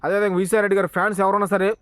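A man's voice: sits high, level tone, rapid-fire, clear, resonant tone, dry recording. A man giving a heated political monologue, confronting his target with rhetorical questions. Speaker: political commentator, channel owner.

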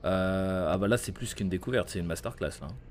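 A man's voice: deep voice, brisk, a little hiss or hum. Chatty man streaming a horror game. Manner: chatty, swears, greets chat viewers by name. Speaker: gaming streamer. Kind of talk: live gameplay commentary.

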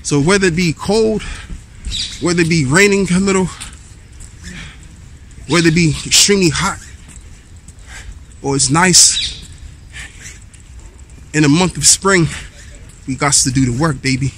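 Reading Bible verses aloud and adding loose, casual comments with fillers, a thirty-something street preacher vlogs while walking a wooded park trail, camera held at arm's length. His fairly high, bright voice is unhurried with long pauses, over a faint hiss or hum.

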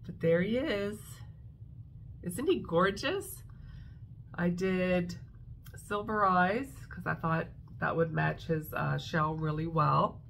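A woman's voice: lowish voice, fairly even intonation, slow, creaky, a bit bright, slight background noise. A woman with a congested, stuffy voice, chatting casually as she shows her crafts and thinks aloud. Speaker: craft vlogger. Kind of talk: casual show-and-tell chat.

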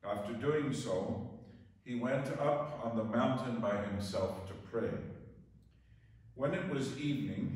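A male priest proclaiming the gospel and preaching slowly and deliberately, his voice carrying heavy church echo from a distant mic. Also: lowish voice, a little mellow. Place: large church.

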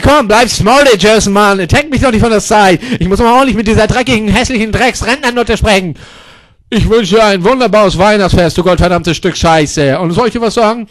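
A man performing a crude comedy sketch, hurling insults and mixing English words into his talk, with catchphrases stretched into drawn-out yells. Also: high-pitched. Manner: repeats catchphrases in a drawn-out yell.

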